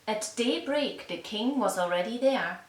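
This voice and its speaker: A storyteller and puppeteer with a high, expressive voice slowly narrates a scripted fairy tale for young children. The mic is distant in an echoey room, with faint noise.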